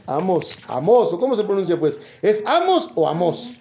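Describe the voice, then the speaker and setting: High-voiced Mexican preacher in an echoey room. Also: male voice, very animated, moderate pace, warm tone. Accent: Mexican Spanish. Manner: chatty, jokes, asks the listeners questions. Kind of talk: informal Bible teaching to a congregation. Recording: echoey room, slightly dull sound.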